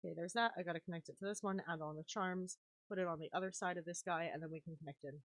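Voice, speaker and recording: Low-voiced woman streamer chatting while she crafts, swears a lot, dry close mic. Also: fairly even intonation, rapid-fire, no room sound. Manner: chatty, swears casually, laughs often. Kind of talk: casual live-stream chat while crafting. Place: home craft room.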